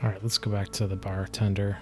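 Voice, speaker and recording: A man does casual gameplay commentary. His voice is fairly low and very mellow, with faint music behind it. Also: level tone, quick pace. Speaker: gaming video player.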